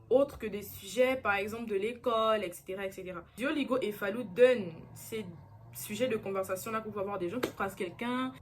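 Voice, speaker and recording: A young woman talks straight to the camera in a relaxed vlog. She is earnest and chatty, circles back on her points and fills pauses often. Her voice sits at an ordinary middle pitch. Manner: chatty, earnest, repeats herself with many fillers. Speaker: vlogger. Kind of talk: casual chat to camera.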